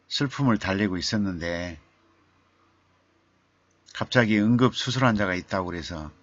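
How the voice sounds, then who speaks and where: A man hosting a live-streamed literature talk, telling a story in an unhurried way with many fillers and rhetorical questions. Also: fairly low pitch, fairly bright tone, no echo. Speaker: literature talk show host. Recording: dull lo-fi streaming mic.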